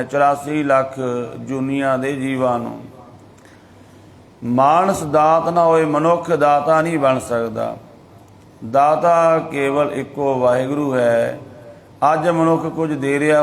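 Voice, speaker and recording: A man with a Punjabi accent giving a sermon, slowing right down to chant scripture verses and then explaining them in plain, everyday talk. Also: medium pitch. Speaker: Sikh preacher giving scripture commentary.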